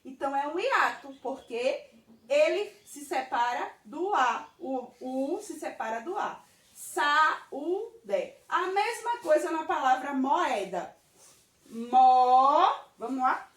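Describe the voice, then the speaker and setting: Brazilian Portuguese woman teacher, slow and patient with kids, in a roomy space away from the mic. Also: high-pitched, sing-song. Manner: slow, patient, checks in with "tá certo?". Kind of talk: children's grammar lesson. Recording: roomy, from a distance.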